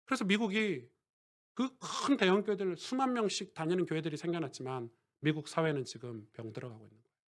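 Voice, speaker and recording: High-voiced preaching Korean pastor. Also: male voice, fast. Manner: swings from quiet asides to loud emphatic preaching; conversational, asks the congregation questions. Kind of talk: sermon.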